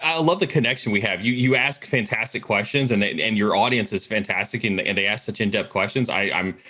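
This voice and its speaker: A man's voice: fairly low pitch, fairly quick, bright, forceful tone. A man speaking as the guest expert in a casual interview, talking enthusiastically and often repeating words as he starts a thought.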